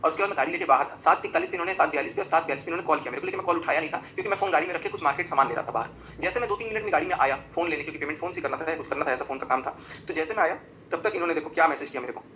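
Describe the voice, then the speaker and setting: A man's voice: fairly high pitch, racing, bright, forceful tone, a little hiss or hum, rough recording. A man ranting live on his vlog, agitated and accusing, explaining events as he shows chat screenshots on his phone, with emphatic bursts between muttered asides. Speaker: vlogger. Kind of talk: live confessional rant.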